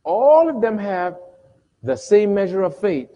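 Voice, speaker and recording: A middle-aged male pastor with a husky voice, preaching a sermon with sudden loud bursts and dramatic pauses, recorded in a church sanctuary. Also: sits high, sing-song, muffled recording. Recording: long reverb of a church hall.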